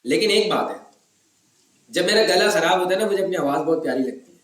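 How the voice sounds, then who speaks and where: A high-voiced man with a sore, scratchy throat teaching a class from Pakistan. He keeps prodding students with questions and teases them when they stay quiet. His voice comes from some distance in a roomy classroom. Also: lively intonation, fast. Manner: teasing, keeps asking the class if they follow. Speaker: web development instructor. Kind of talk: classroom lecture.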